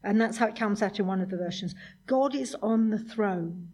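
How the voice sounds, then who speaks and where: Woman preacher, breathy, conversational sermon delivery. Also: mid-range voice, moderate pace, dark tone. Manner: conversational, with rhetorical questions.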